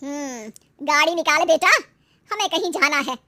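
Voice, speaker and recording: A shrewd, caring old cartoon mother who teases gently, as a woman puts her on. The voice is very high and loud. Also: moderate pace, dry recording. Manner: teasing, shrewd.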